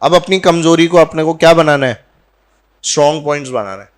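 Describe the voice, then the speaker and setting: A physics teacher talking warmly and jokingly to his students at the end of a course in a classroom, mixing in English phrases. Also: on the high side, brisk. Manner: chatty and teasing, mixing Hindi with English phrases. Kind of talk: farewell talk to a class.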